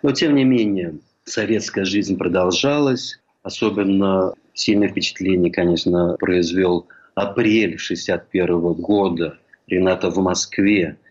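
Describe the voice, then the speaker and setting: An older man from St. Petersburg telling a measured, reflective memoir as a historian recalling a colleague. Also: low voice, husky. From Russia, St. Petersburg. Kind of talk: memoir lecture. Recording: dull lo-fi recording.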